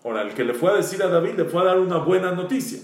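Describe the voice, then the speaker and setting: A man who is a rabbi, telling a Torah story in a sermon and quoting Hebrew verses with animated emphasis. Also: high-pitched, rapid-fire. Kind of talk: Torah lecture. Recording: echoey room, mic at a distance.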